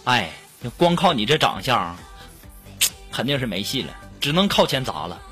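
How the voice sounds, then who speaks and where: A man voicing a teasing middle-aged mother who dotes on her son and then mocks him, in his own lower voice. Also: big pitch swings, normal speed, a bit bright, faint music behind, full character voice. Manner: doting then mocking.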